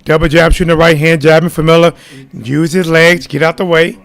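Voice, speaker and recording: A man's voice: on the high side, level tone, fairly quick, creaky, a bit bright. A man giving informal live play-by-play of a boxing match, chatting to viewers as he goes. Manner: informal, addressing viewers as guys. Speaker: fight watch-along commentator. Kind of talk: casual live play-by-play commentary.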